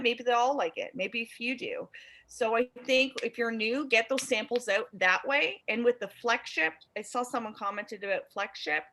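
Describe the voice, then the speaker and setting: A woman chiming in on a video call with sales tips, bubbly and quick, laughing and swearing casually. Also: a little high, pushed and bright. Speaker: team member chiming in on a call. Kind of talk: casual coaching talk.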